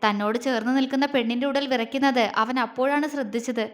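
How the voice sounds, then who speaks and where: High-voiced woman storyteller. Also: steady tone, quick pace, long reverb tail. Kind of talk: scripted narration of an audio love story.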